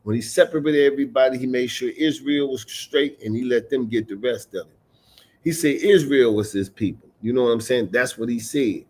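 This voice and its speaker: A man teaching scripture on a livestream, mixing casual slang with slow, stressed readings of old verses. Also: medium pitch, darkish tone, breathy edge. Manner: emphatic, stresses single words while reading scripture aloud; casual street slang mixed with King James reading. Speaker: religious teacher.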